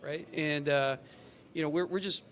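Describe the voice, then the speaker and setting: Man hosting a podcast, slightly high. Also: fairly even intonation, fairly bright tone, slight background noise. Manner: halting, many fillers and restarts. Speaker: podcast host. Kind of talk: casual podcast chat.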